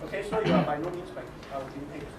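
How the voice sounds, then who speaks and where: A high-pitched man with a Singaporean English accent leads a workshop for teachers, introducing his team in a casual spoken presentation. He's halting, with stop-start phrases, many restarts and frequent "okay?" checks. Recorded from a distance in an echoey, noisy room, he sounds set back from the mic.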